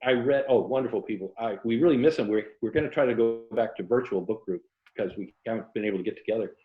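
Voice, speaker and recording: With a lowish voice and fast delivery, an older American man talks over music. He hails from Tampa, Florida, and, as a writer and former journalist, tells casual stories as an interview guest via video call from an indoor room, with roomy, dull audio.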